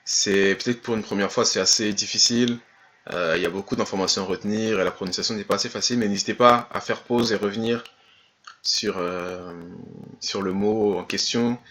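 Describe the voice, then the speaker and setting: A man teaching a language lesson online. He speaks slowly and carefully, repeats each sound three times and pauses with fillers when he explains. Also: lowish voice, fairly even intonation, fairly bright tone. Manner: hesitant explanations with fillers and restarts.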